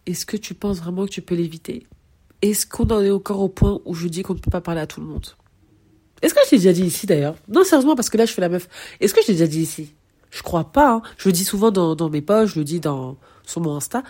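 A young woman hosting a casual solo podcast on branding, bubbly and excitable, dropping English phrases into her talk. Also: fairly low pitch, a little fast, husky.

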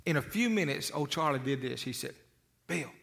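Folksy, bright-voiced male motivational speaker. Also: a little high, brisk, vocal fry. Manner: folksy, with repeated word restarts; storytelling with lively asides. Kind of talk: motivational talk to an audience.

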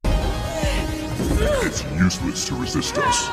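Robot enforcer, cold and bossy, drawn-out lines, big music behind. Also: extremely high pitch, huge pitch swings, full character voice. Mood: commanding. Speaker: film character. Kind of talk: animated film dialogue. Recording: film clip over loud score.

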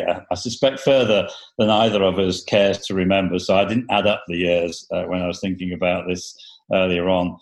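A man interviewing a guest over a remote call, courteous, with small restarts. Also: low voice. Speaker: interviewer, chief executive.

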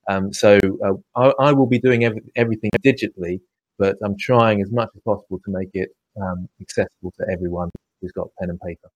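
A man explains his drawing course in a live question session. His voice sits a little low, and he talks haltingly, with frequent fillers and restarts. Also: steady tone, dull audio. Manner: hesitant, many ums and restarts. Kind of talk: live online Q&A.

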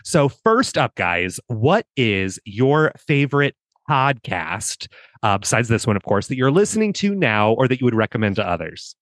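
This is a male podcast co-host with a playful, upbeat manner. His pitch swoops and jumps as he banters. The sound is dry and close, with no room around it. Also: very animated, moderate pace, fairly bright tone, no room sound. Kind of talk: casual podcast chat.

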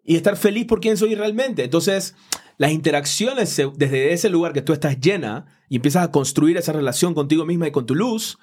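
A man's voice: a little high, animated, a little fast, a little mellow. A man, a spiritual teacher explaining ideas in a casual chat with earnest, everyday comparisons.

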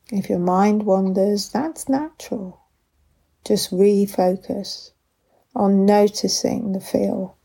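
Leading a body scan meditation, a woman gives unhurried, gentle directions separated by long silences. Her voice is soft, breathy and medium in pitch.

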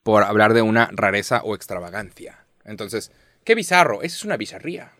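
A man's voice: fairly low pitch, sing-song, a little fast, fairly bright tone, no room sound. A young Mexican man co-hosting a podcast, joking loosely and using crude slang. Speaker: podcast co-host. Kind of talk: casual chat.

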